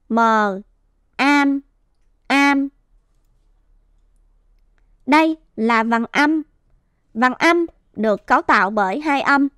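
A woman teaching first-grade reading, sounding out and stretching each syllable clearly for young children. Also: high-pitched, fairly bright tone, no room sound, clean studio sound. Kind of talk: slow, clear phonics teaching.

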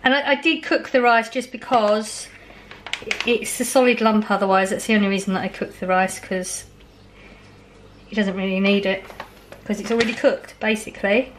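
A woman's voice: mid-range voice, fairly even intonation, moderate pace, a little hiss or hum. A woman chatting casually through a home cooking vlog, rambling and poking fun at herself. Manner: chatty, self-deprecating, rambling with fillers. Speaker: vlogger. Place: home kitchen, voice-over on cooking footage.

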